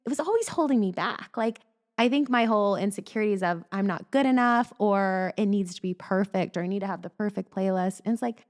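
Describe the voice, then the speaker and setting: A woman's voice: mid-range voice, brisk. A woman guest on a podcast, talking openly and reflectively in casual chat, laughing often.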